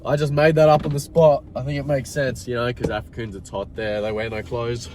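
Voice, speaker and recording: A man's voice: mid-range voice, level tone, brisk, a little mellow, slight background noise. Nasal, stuffed-up man chatting casually. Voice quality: nasal, congested from a blocked nose. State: sick with a cold, coughing. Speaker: self-employed window cleaner vlogging his day. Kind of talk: casual, sweary vlog chat.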